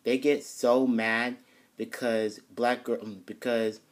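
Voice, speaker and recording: Young dude rambling thru a storytime vlog, lots of ums and restarts. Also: male voice, medium pitch, little pitch movement, slow pace. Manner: rambling, many restarts and fillers. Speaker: vlogger. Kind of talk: casual storytime.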